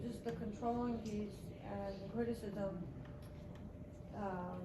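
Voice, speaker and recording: A woman in a recovery group sharing her story hesitantly, pausing with many fillers. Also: medium pitch, fairly even intonation. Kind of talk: personal sharing. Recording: distant roomy recording with noise.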